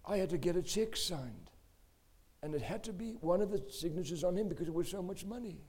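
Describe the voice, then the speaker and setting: A man tells an earnest sermon testimony, animated as he narrates. His voice is high-pitched with a mellow, dark tone. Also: brisk, breathy edge.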